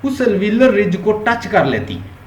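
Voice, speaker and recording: A male teacher with a Pakistani Urdu accent explains phonetics step by step in an online lecture, slipping English terms into his Urdu. His voice sits a little high for a man. The room is echoey and has a faint hum behind it. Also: sing-song, takes it slowly. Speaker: linguistics teacher. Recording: roomy echo, faint background hum.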